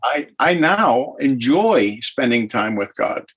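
An older man guesting on a podcast, speaking in an earnest, heartfelt way. His voice sits at an ordinary middle pitch, and he talks with emotional openness. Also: sing-song, slow pace, fairly bright tone, breathy edge. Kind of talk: podcast interview.

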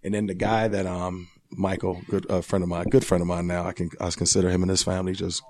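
A fast-talking Liberian man in his forties, with a low-sitting voice, owns a boxing gym and tells stories in a casual interview recorded at the gym. He laughs often and spins his tales in an animated way.

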